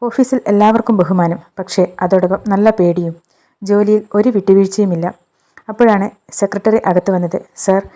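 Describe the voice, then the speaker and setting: A woman reading a scripted love story as narrator, in a steady, measured storytelling manner. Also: mid-range voice.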